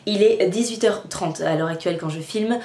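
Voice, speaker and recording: A woman's voice: mid-range voice, normal speed, a little mellow, roomy sound. A young woman casually narrating a makeup tutorial step by step at home, chatty, with frequent fillers. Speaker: beauty vlogger. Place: room at home.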